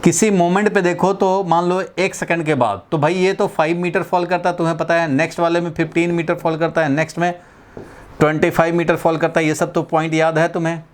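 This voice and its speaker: Man from India, physics teacher, classroom lecture, step-by-step explaining, fairly high voice. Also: level tone, fast talker. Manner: explains step by step, repeats phrases, checks in with students.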